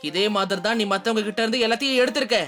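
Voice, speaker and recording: A voice actor playing a bossy young hero in a dubbed cartoon, scolding quickly. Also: mid-range voice, close to an everyday voice. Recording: music bed under voice.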